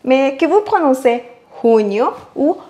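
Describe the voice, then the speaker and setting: Slow, careful woman teaching pronunciation. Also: high-pitched, big pitch swings, mellow. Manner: slow, deliberate, repeating words for practice. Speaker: Spanish teacher. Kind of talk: scripted language lesson.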